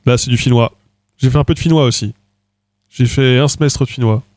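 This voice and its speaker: A man's voice: mid-range voice, a little fast, darkish tone, dry recording. French man in his thirties, dry sound. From France. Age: 30s. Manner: switches between languages with hesitant fillers. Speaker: streamer. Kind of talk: casual livestream chat.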